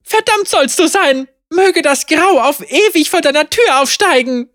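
A woman's voice: sing-song, normal speed, dry recording, clean studio sound. Woman doing a desperate young apprentice girl. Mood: cursing. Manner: pleading, sobbing, high and strained.

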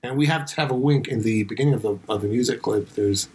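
Guy chatting about his music video, animated, does little voices in his stories, mid pitch. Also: fast. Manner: animated storyteller, acts out quotes. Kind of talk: casual chat.

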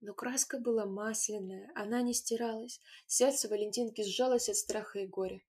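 A woman narrating a storybook with an expressive reading that gives each character its own voice. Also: mid-range voice, normal speed, breathy edge. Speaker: audiobook narrator.

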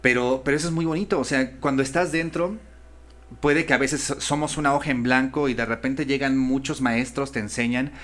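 A man's voice: mid-range voice, fairly even intonation, brisk, fairly bright tone. A man, a voice-over artist and voice coach, chatting thoughtfully and restarting often as he searches for words. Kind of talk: casual conversation.

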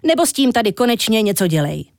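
A woman's voice: fairly high pitch, sing-song, vocal fry, darkish tone, no echo, clean studio sound. A woman reading a children's story, voicing a grumpy, complaining young man. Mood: grumbling. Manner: grumbling, complaining.

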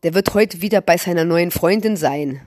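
In a read-aloud storybook, a woman voices a quirky, precocious young girl, sounding matter-of-fact, bubbly, and chatty. Her voice is lowish and darkish at a moderate pace, close to an everyday voice, in a dry, studio-quality recording.

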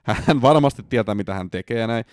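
A man co-hosting a podcast in a heated casual debate. He talks in an animated way, swears freely, and throws in fillers all the time. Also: smooth, no echo, studio quality. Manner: animated, swearing, frequent "tiiäks" fillers, pitch jumping up when arguing. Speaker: podcast co-host.

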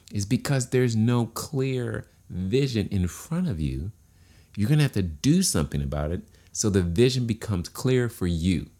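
A man's voice: deep voice, dark tone. A man giving a motivational monologue, asking rhetorical questions and repeating key phrases in a preachy way. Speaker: motivational speaker.

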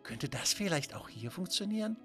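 Man doing a little kid girl voice, wide-eyed and eager, squeaky high. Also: very animated, moderate pace, fairly bright tone, soft background music, heavily acted. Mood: thoughtful. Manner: eager and wondering. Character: curious, brave little girl of five.

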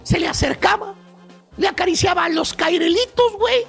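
A man's voice: extremely high pitch, moderate pace, vocal fry, fairly bright tone, faint music behind. A man telling a mocking comic story as a radio show host, full of slang.

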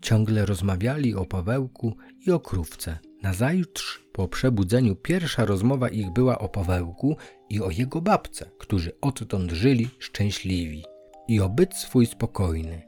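A man narrating a fairy tale from a script, in a calm and measured storytelling manner. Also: on the low side.

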